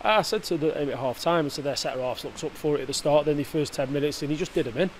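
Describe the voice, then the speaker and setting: A man's voice: on the high side, fast talker, slight background noise. A man, a football manager giving a post-match interview in a hesitant way, full of fillers and restarts, recorded close up indoors. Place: indoor press area before a sponsor board.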